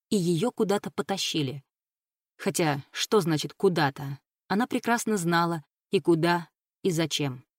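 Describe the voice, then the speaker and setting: A woman's voice: on the low side, no room sound, clean studio sound. Woman narrating an audiobook.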